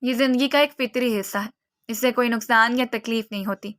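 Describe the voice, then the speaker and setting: A woman voicing a calm, soothing young friend. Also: a little high, natural voice. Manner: soft, soothing.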